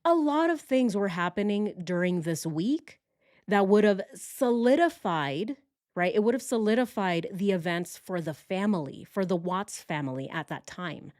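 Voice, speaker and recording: A woman's voice: mid-range voice, expressive, moderate pace, darkish tone, dry recording, studio quality. A woman hosting a casual true-crime livestream, talking through details informally and posing rhetorical questions as she goes. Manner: rhetorical questions with tag "right?". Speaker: livestream host.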